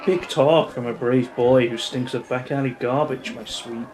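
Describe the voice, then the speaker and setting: A man's voice: medium pitch, fairly even intonation, moderate pace, natural voice, rough recording. Man putting on a sly, flirty lady cat burglar. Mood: teasing, dry. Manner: drawling, teasing sarcasm. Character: sly, flirty female cat burglar, world-weary barfly. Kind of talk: game character voice acting.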